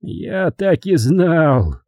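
A man voicing a despairing, guilt-ridden man who speaks slowly and heavily in an audiobook. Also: a little high, big pitch swings, mellow, no echo, studio quality, voice pushed up, full character voice. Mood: hopeless. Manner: slow, heavy, hopeless. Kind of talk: audiobook character voice.

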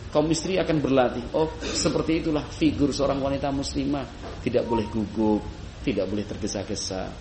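A man preaching a sermon, telling a story in a lively way and acting out high voices for the people in it. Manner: lively, acts out quoted voices in high pitch. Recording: echoey room with faint background noise.

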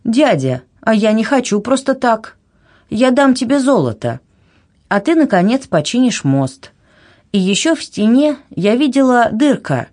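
A woman voicing a proud, hot-tempered young princess who shouts indignantly. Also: sing-song, unhurried. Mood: insistent. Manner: shrill, indignant outbursts.

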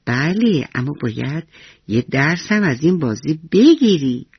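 Brief: kind patient old grandfather read by a woman, tender and slow, husky tone, lo-fi radio sound. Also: low voice, very animated, no echo, heavily acted. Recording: dull lo-fi radio recording.

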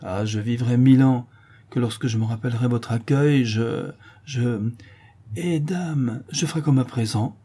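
A man voicing a timid, emotional gentleman who stammers and gushes, in an audiobook reading. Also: medium pitch, measured pace, husky. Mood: effusive. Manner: stammering, gushing, tearful. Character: timid, emotional middle-aged man, easily flustered.

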